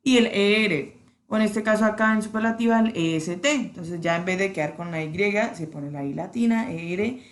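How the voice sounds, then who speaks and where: A woman teaching an English grammar lesson, patiently checking in with her students and slowing down to spell out the examples. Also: mid-range voice. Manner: patient, checks in with "¿cierto?" often.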